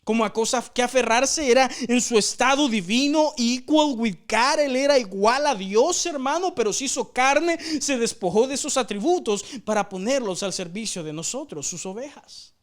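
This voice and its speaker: High-voiced man teaching a Bible study. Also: animated, normal speed, few pauses. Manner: earnest, repeats "hermano" often; emphatic repetition of phrases.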